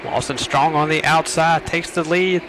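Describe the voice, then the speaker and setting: A man's voice: a little high, fairly even intonation, moderate pace. An American man giving live commentary on a stock car race. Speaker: motorsport commentator. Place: outdoor speedway broadcast. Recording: loud outdoor racetrack engine noise. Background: race cars and outdoor ambience.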